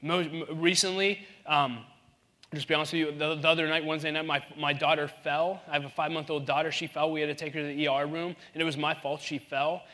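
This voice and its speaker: A man in his thirties preaching a sermon in an animated way, acting out the voices in the Bible story. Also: a little high, fast. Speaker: pastor.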